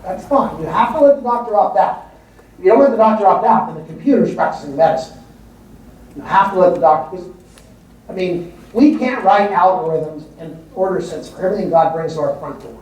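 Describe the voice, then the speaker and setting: Before a big audience in a large hall, a doctor presents with a somewhat high, slightly mellow voice, stressing points by repeating words in an emphatic yet conversational style. The sound is distant and echoey.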